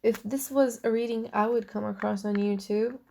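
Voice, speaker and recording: Young woman, tarot reader, casual vlog, fry in the voice, slightly high pitch, losing her voice. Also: fairly even intonation, normal speed, noisy background. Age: young adult. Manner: chatty, earnest, addresses viewers directly.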